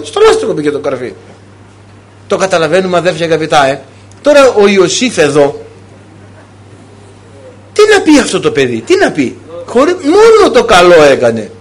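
A priest with a notably high voice delivers a lively, pastoral sermon, firing off rhetorical question after rhetorical question. He acts out small conversations along the way, changing voices to make his point.

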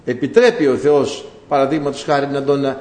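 A man preaching a sermon, lively and animated, acting out the voices of the people he talks about. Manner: animated, acts out voices of people and God in rising pitch. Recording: echoey hall.

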